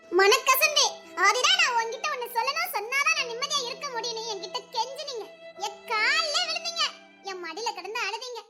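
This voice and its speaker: A guilt-stricken young wife whose very high, thin voice trembles as she talks. She pleads through tears, and her words keep cracking into nervous, shaky laughs. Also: pushed and bright. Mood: remorseful. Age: young adult. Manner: tearful, remorseful, voice breaking into shaky laughs. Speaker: young wife in a drama series. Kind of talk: emotional drama acting.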